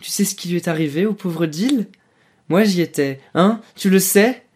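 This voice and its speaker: A wrecked young officer spits out bitter, shrill words in a feverish rush, as a man puts him on in a storybook reading. The voice climbs high and stays loud and strained. It sounds close to breaking. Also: normal speed, breathy edge. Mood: bitter anguish. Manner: shrill, feverish, broken outbursts. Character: shattered young male officer, bitter, near hysterical.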